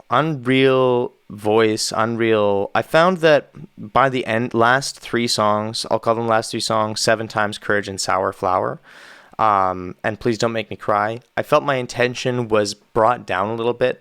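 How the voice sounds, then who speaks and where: A man's voice: on the low side, moderate pace, a bit bright, clean tone, dry recording, clean studio sound. A Canadian man, a musician, giving enthusiastic, rambling casual commentary as he reacts to an album.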